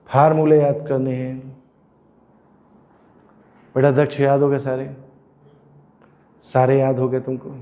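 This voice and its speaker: A man's voice: mid-range voice, flat delivery, takes it slowly, long pauses, dark tone. A man, unwell and sore-throated, teaching a physics class and teasing and scolding his students. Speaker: coaching teacher.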